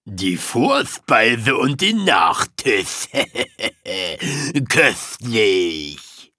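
A man's voice: lowish voice, huge pitch swings, drawn-out words, bright, forceful tone, no echo, studio quality, pitched below the performer's own voice, heavily acted. A man voicing a pompous, greedy lion king who growls and bellows orders in a children's audiobook. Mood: gloating. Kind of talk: audiobook character voice.

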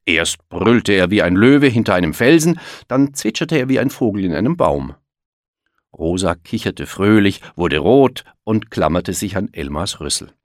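A man with a very deep voice reading a children's picture book aloud. His pitch moves freely up and down as he tells the story, and the recording is close and dry. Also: normal speed, no room sound. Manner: expressive read-aloud storytelling. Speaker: narrator.

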